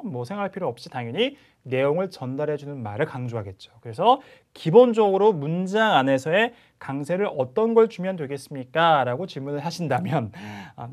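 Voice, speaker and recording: A male English instructor lectures on stress and rhythm in a chatty, checking-in manner. His voice sits somewhat high and swings widely as he demonstrates sentences. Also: a little mellow. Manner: chatty teacher, frequent "자" and "그죠?" check-ins, sometimes exaggerated demo reading. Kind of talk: video lecture.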